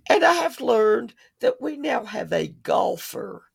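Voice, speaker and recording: A woman co-hosting a casual podcast, her voice gravelly and husky. She talks in a lively, swooping way, chatty and quick to laugh. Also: on the high side. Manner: chatty, animated, laughs often. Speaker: podcast co-host. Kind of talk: casual chat.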